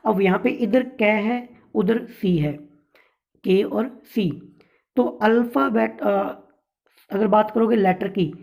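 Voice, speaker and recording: A man's voice: sits high, steady tone, slow, creaky, a little mellow, rough recording. A male English literature teacher giving an exam-prep lesson, explaining step by step and checking in with his listeners.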